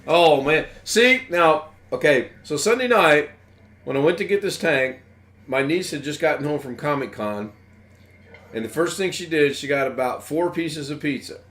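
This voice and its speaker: A man's voice: on the high side, animated, normal speed, a bit bright. A man from the United States hosting a live stream in rambling, casual chat, chuckling as he goes.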